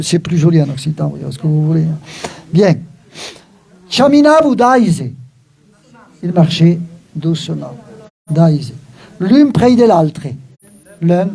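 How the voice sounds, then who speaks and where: An older man teaches with an animated, emphatic manner, tossing in frequent asides to his listeners. His voice sits high for a man yet stays soft and mellow in tone. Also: gravelly, breathy edge. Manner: lively, emphatic, frequent "hein" and "voilà" asides. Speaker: Occitan teacher. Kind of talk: explaining a text in a recorded talk.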